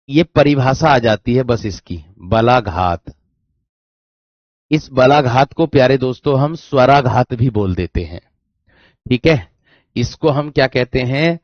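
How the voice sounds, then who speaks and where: Teacher repeating slowly, lo-fi. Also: male voice, mid-range voice, no echo. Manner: repetitive, dictates slowly, keeps asking if it's clear. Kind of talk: online exam-prep class. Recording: dry, dull lo-fi sound.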